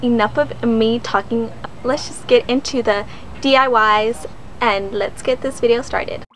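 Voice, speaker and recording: Background music accompanies a cheerful young woman who guides viewers through a craft tutorial one step at a time. The DIY vlogger speaks at a measured pace in a slightly high, fairly even voice, set indoors before a brick wall, though heavy background noise intrudes on the recording.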